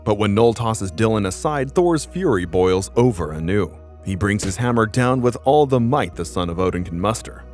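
A man's voice: on the low side, animated, normal speed, darkish tone. A man giving a theatrical, emphatic scripted narration of a comic-book story as its narrator. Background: music.

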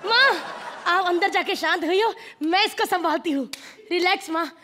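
A woman's voice: very high voice, normal speed, bright, forceful tone. A woman playing a boastful, cheeky princess in a stage comedy sketch, flirting and bragging. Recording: noisy live stage with audience.

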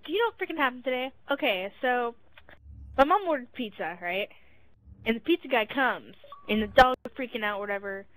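Young woman, higher-pitched, casual gamer chat, rambling storyteller. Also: lively intonation, brisk, fairly bright tone, low-quality recording. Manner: rambling, chatty, frequent "freaking".

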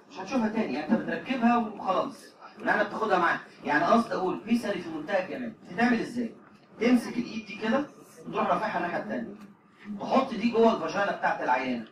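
A man with an Egyptian accent giving a classroom lecture as a medical lecturer, drilling pronunciation and answering his own questions. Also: sits high. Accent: Egyptian Arabic. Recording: echoey hall, distant mic, audible noise.

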